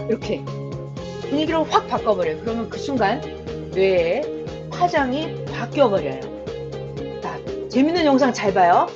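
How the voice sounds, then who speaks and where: A woman's voice: on the high side, a little mellow, breathy edge. A woman preaching a sermon emphatically, calling out prayers with force. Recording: dull lo-fi sound with faint music.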